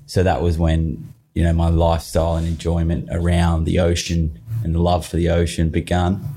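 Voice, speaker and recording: A man's voice: low voice, monotone, moderate pace, dark tone, a little hiss or hum. A man in his thirties with a broad Australian accent, chatting casually and telling stories in an interview. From Australia, partly raised in the southern United States. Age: 30s. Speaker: podcast host telling his own story. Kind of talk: casual interview chat, anecdotes.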